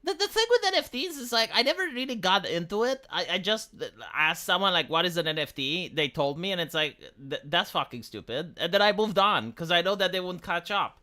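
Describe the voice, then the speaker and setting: A man's voice: sits high, expressive, fairly quick, few pauses, bright, forceful tone. A man from Romania chatting casually on a livestream, rambling and cursing with frequent stumbles and restarts. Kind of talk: casual streaming chat.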